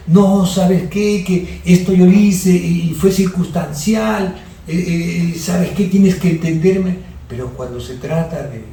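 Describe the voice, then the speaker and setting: Peruvian man, pastor teaching Bible study, mellow dark voice, earnest, halting, very echoey far-off sound. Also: a little high. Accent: Peruvian Spanish. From Peru. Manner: earnest, many fillers and restarts, addresses listeners directly. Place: church hall.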